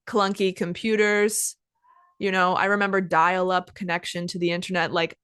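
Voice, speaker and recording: This woman in her twenties, an English teacher, hosts a casual podcast in a fairly low, slightly bright, clean voice with a level tone. She chats freely with many "like" and "kind of" fillers and pauses to define words. The recording is dry, with clean studio sound.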